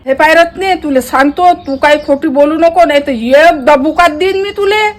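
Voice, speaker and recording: A woman, performing a village comedy sketch in a loud, quarrelsome way that turns pleading. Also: high-pitched, moderate pace.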